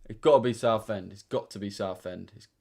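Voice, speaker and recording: Jeune homme à l'accent de l'Essex, bavard, voix un peu grave. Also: male voice, lowish voice, a little fast, creaky, darkish tone, a little hiss or hum. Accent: Essex English. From Essex, England. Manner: slangy, chatty, addresses chat directly. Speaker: trading livestreamer. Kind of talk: casual livestream chat.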